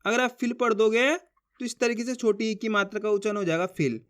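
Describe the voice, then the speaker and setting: A man teaching beginners to read Hindi, sounding out syllables slowly and asking listeners to read along with him. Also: high-pitched, steady tone, a bit bright, clear, resonant tone. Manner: drawn-out syllables when sounding out words. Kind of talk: spoken lesson for beginners.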